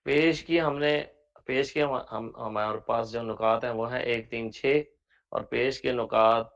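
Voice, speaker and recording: Man spelling out words slowly in a lesson. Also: mid-range voice, steady tone, gravelly, a bit bright, dull audio. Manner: spells out words letter by letter, slow and deliberate; patient, repeats examples. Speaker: Braille teacher. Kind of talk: online class lesson.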